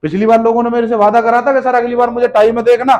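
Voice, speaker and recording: This man's voice is very high-pitched and a little mellow, delivered fast in a level tone, with the highs cut off in the recording. He's a motivational business speaker addressing a live seminar audience, scolding them with rhetorical questions and emphatically repeating key phrases.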